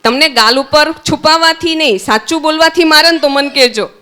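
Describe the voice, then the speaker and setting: A woman's voice: high voice, brisk, bright, forceful tone. A woman with a Gujarati accent, teaching young children at a summer camp, asking them questions and answering them herself. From Gujarat, India.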